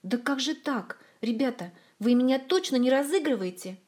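A woman's voice: sits high, expressive, normal speed, a little mellow, voice pushed up. A woman doing a flustered, bewildered young woman. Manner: exasperated, bewildered.

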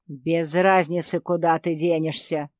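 A woman puts on a puffed-up male dog father for a storybook. He shouts his commands harshly and drags his words out slowly. The voice is close and dry. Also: fairly low pitch, no echo. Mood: angry.

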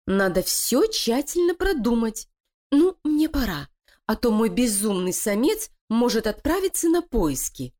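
A woman's voice: on the high side, very animated, unhurried, darkish tone, pitched above the performer's own voice. Woman putting on a sly scheming female beast. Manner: cold, threatening, commanding.

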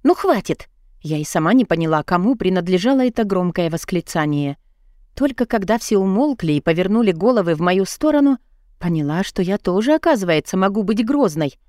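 A woman narrating a novel in the first person, in an even storytelling manner. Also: lowish voice, a little fast, no echo, studio quality. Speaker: audiobook narrator.

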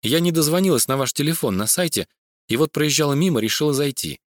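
A man's voice: on the high side, lively intonation, fast talker, no room sound, clean studio sound, pitched above the performer's own voice, natural voice. Man voicing a polite hesitant young woman. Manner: polite, tentative.

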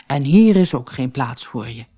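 A woman's voice: extremely low pitch, expressive, moderate pace, husky, highs cut off, exaggerated voice. A woman voicing a sleepy, blunt male otter in a children's story. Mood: curt.

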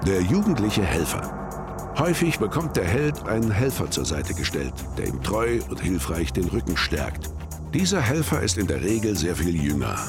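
A man's voice: low-pitched, big pitch swings, normal speed, over music. A man narrating short fact segments in an explanatory, lecture-like tone. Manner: didactic, explanatory. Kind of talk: scripted narration.

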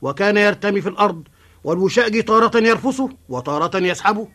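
Male Egyptian café storyteller, high voice, brisk ceremonious narration of a folk epic. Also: expressive, sharp tone. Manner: traditional storyteller addressing listeners ceremoniously.

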